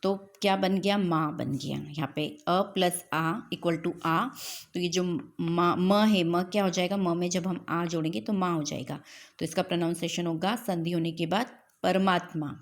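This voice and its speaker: Casting: woman grammar teacher, patient explainer, mid-low voice. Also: steady tone, moderate pace. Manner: explanatory, repeats "है ना" and "okay" to check understanding; mixes English words into Hindi. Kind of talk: classroom grammar lecture.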